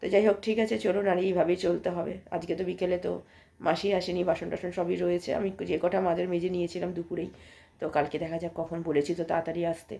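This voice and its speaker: Her voice sits on the low side, gravelly yet mellow, steady in tone and quick in pace. She's a woman in her thirties with a cold and a cough, rambling cozily through casual vlog narration of her day at home.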